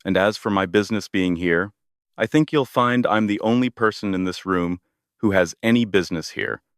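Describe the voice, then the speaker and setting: A man voicing a cold, commanding woman executive taking her revenge, speaking in a calm, measured way. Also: lowish voice, clean tone, dry recording, clean studio sound, natural voice. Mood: cold authority.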